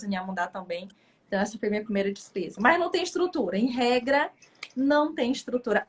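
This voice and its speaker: Expressive Brazilian woman judge, higher voice. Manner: emotional, expressive storytelling. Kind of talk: casual interview chat.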